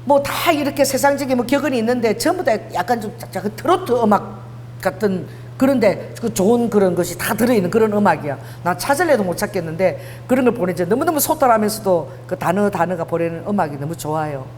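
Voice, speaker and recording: In a church prayer hall, a middle-aged woman pastor gives a conversational sermon, telling personal stories, acting out dialogue and mixing casual with polite speech. Her mid-range voice is expressive, quick and a little mellow, with long hall reverb and a faint hum in the recording.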